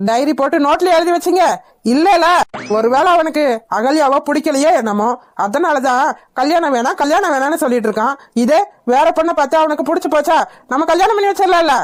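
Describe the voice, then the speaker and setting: A woman's voice: sits high, brisk, lightly acted. A woman voicing a meddling, teasing relative in a cartoon who provokes the others with mocking remarks. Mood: needling.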